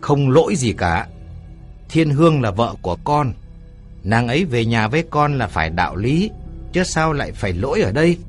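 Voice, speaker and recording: A brash young man in an audio story, played by a male narrator. He talks back in a cocky, offhand way, his pitch moving freely. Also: animated, a little slow, faint music behind, natural voice.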